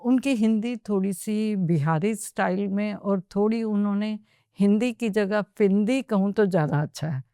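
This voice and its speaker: A woman guest on a podcast interview, telling her story at an unhurried pace and slipping English phrases into her Hindi. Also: medium pitch, dark tone, smooth, no room sound, clean studio sound.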